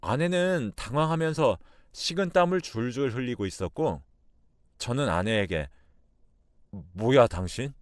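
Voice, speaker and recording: A man in his thirties narrating a first-person radio drama story, calm in the telling and shouting at the tense moments. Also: medium pitch, moderate pace, clean tone, no echo, studio quality.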